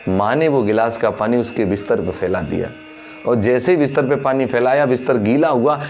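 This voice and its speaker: A man's voice: medium pitch, moderate pace, darkish tone, a little hiss or hum. A man preaching a Buddhist sermon, telling a moral story, calling his listeners brothers in the dhamma and acting out the voices in it. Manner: addresses listeners as dhamma brothers, acts out dialogue with raised voice.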